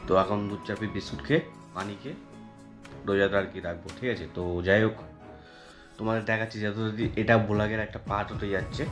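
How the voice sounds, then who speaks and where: A man, a delivery rider talking casually to his camera in a rambling way and filling his pauses with "okay". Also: fairly low pitch, fairly even intonation, faint music behind. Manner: rambling, keeps saying "okay" as a filler. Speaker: food delivery rider vlogger. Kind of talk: casual vlog talk to camera.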